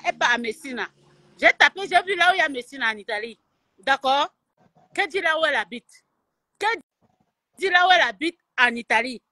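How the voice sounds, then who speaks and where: High, lively Cameroonian woman ranting. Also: dry recording. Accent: Cameroonian French. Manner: taunting and confrontational, slipping into Italian. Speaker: live streamer. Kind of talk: heated live-stream rant. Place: at home in Italy.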